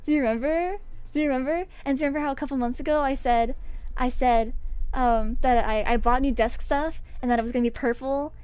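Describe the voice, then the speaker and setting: A young woman streamer chatting casually to her viewers, bubbly and excitable, often breaking into giggles. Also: sits high, a little fast, clear, resonant tone, dry recording. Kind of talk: casual livestream chat.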